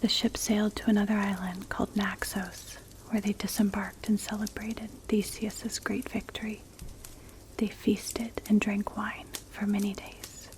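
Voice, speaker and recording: A woman narrating a story for ASMR in a breathy, unvoiced whisper, gentle and measured, close to the mic. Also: mid-range voice, level tone. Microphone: close mic, ear-to-ear ASMR. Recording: clear background noise, clicks. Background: crackling fire.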